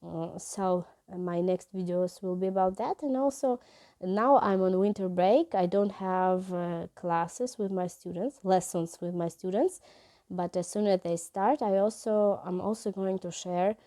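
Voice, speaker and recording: Hesitant, mellow-voiced woman from Ukraine. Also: on the low side, a little slow. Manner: hesitant, many fillers and restarts. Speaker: English teacher and vlogger. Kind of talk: casual vlog talk.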